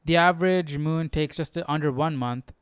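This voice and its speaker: Smooth and fairly high-pitched, this man talks at a moderate pace in a dry, studio-quality recording. He hosts a Bible study stream, musing casually in a tentative, self-questioning way and frequently tagging his sentences with "right?".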